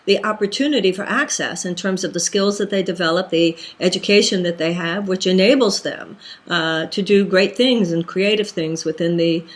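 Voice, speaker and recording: A woman's voice: fairly low pitch, moderate pace. Earnest woman political interviewer. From Houston, Texas.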